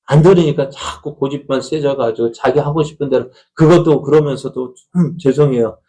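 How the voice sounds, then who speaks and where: A man's voice: mid-range voice, normal speed, dark tone, rough recording. Middle-aged Korean pastor questioning his flock. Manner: asks the congregation questions, acts out family quarrels. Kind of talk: conversational Sunday sermon. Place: church sanctuary.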